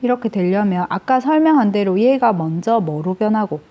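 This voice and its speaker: A woman's voice: mid-range voice, expressive, moderate pace, mellow. A woman teaching grammar in a step-by-step lecture, asking questions and answering them herself. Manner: explains step by step, asks and answers own questions.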